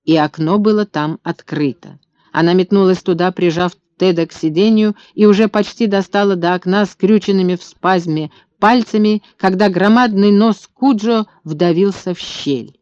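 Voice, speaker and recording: Male audiobook narrator, steady tense storytelling, fairly high voice, dull lo-fi dry recording. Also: normal speed, no room sound.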